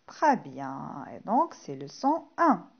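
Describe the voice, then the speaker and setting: A woman teaching a phonics lesson to young children, saying each word slowly and clearly and repeating it. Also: low-pitched, sing-song, highs cut off. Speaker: primary school teacher.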